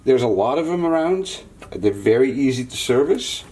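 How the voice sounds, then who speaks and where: This channel host's medium-pitched voice is mellow and expressive, moving at normal speed. As a repair technician doing a casual, unscripted hands-on demo, he mutters and thinks aloud while working.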